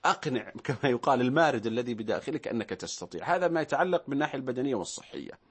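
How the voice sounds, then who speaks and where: A man speaks as a guest on a talk show, his voice slightly husky. He talks fast and with a lively, swinging pitch. He counts off points one by one and acts out short example voices. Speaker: guest expert. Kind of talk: studio talk show discussion.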